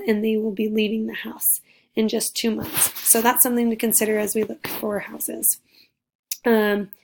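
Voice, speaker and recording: A young woman presenting a class project, her voice raspy because she is losing it, upbeat and full of fillers. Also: on the high side. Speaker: student presenter.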